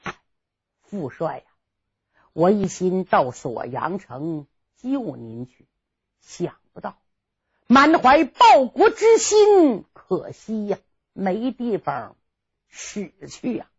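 Despairing young male general, storyteller woman voicing, low and husky; dull lo-fi recording. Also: big pitch swings, racing, pauses often, bright, forceful tone, heavily acted. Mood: lamenting. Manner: low sighing inner monologue.

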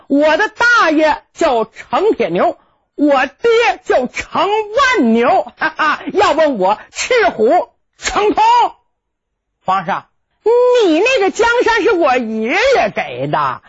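A woman's voice: high-pitched, sing-song, slow pace, full character voice. A woman doing a brash, bragging teenage boy warrior. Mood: defiant boasting. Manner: shouting, boastful. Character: brash fourteen-year-old boy warrior, defiant. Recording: dull lo-fi recording.

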